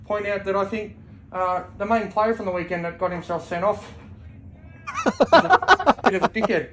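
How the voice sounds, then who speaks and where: A man playing a crude, brazenly corrupt football coach in a mock interview, talking haltingly and deadpan. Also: high-pitched, slight background noise.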